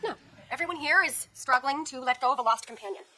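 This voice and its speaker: A woman's voice: high voice, quick pace, pushed and bright. An actress playing an earnest single woman who dotes on her late cat and talks in a gushing way. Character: cat-loving single woman named Linda. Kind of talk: sitcom acting. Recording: TV audio with background noise.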